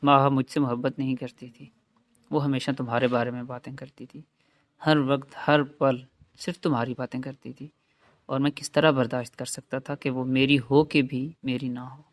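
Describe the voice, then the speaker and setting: A man's voice: mid-range voice, flat delivery, dry recording, close to an everyday voice. A man storyteller voicing a jealous, bitter young man who was left by his lover, pleading and resentful.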